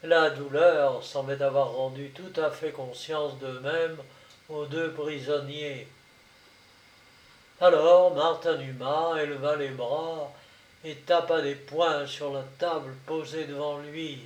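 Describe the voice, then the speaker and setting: A man narrating a novel aloud in a measured storytelling manner. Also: a little high, steady tone. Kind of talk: audiobook narration. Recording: roomy, distant, dull sound.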